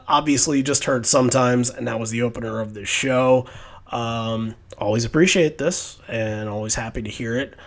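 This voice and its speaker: A man hosting a podcast in casual chat, talking in a rambling, reflective way. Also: mid-range voice. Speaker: podcast host.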